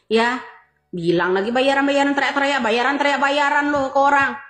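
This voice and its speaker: A woman's voice: high voice, normal speed, fairly bright tone, roomy sound, big-room sound. A woman delivering a heated, confrontational rant, repeating her accusations. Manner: angry, confrontational, repetitive.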